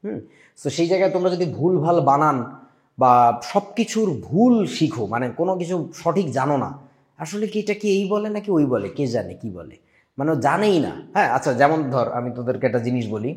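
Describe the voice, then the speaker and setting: A man's voice: fairly high pitch, very animated, fast talker. Blunt chemistry teacher, man. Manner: blunt, scolding, mixes English words, quizzes students. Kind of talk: online class lecture.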